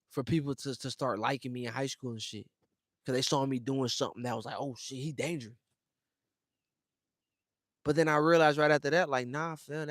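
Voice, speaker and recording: Talking straight to his viewers, the young American streamer rants casually in a medium-pitched voice. The audio is studio quality with no echo, and he stays slangy and emphatic, addressing people as fam and bro.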